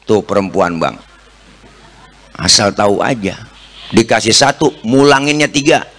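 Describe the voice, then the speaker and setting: A man's voice: lowish voice, unhurried. A man preacher gives a comic sermon, teasing his audience and acting out stories. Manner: joking, animated storyteller, teasing the audience. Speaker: Islamic preacher. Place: mosque or gathering hall with live audience.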